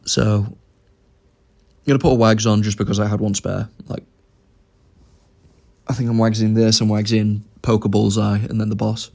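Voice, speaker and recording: A man's voice: on the low side, level tone, normal speed, vocal fry, pauses often, a little mellow. A young man giving casual commentary over his own game, thinking aloud about each move as he plays.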